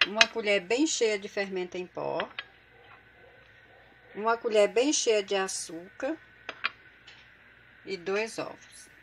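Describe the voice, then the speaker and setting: Slow and pausing often, a woman with a medium-pitched voice and a Brazilian Portuguese accent hosts a home cooking tutorial in her kitchen. She chats with viewers as she works, calling them "gente," and a little hiss or hum is audible.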